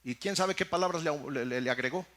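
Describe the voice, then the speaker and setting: A man's voice: a little high, fast talker, fairly bright tone. A man with a Mexican Spanish accent preaching a sermon, speaking straight to his congregation and repeating phrases for emphasis. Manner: preaching with emphatic repetitions, addressing the congregation as brothers. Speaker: pastor.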